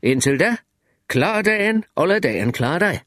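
An easygoing, friendly beach character from an audiobook story, as a male narrator puts him on, speaking with an unhurried, drawn-out ease. The voice rises higher than the narrator's own and swings widely in pitch. It is recorded dry and close. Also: sing-song, fairly bright tone, no room sound.

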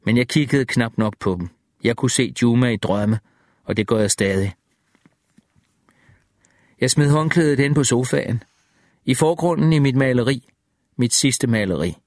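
A man reading a first-person audiobook in a calm, measured, reflective way. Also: medium pitch, dry recording, clean studio sound. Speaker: audiobook narrator.

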